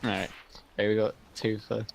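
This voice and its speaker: A man's voice: lowish voice, flat delivery, normal speed, creaky, slight background noise, poor audio. A man giving live analysis of a video game match in a chatty, analytical way. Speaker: esports caster.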